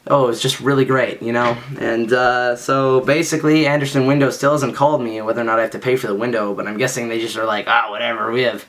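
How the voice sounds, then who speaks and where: A man's voice: mid-range voice, fairly even intonation, quick pace, few pauses, a bit bright. Rambling, self-mocking young man. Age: young adult. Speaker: storyteller. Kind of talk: casual spoken anecdote.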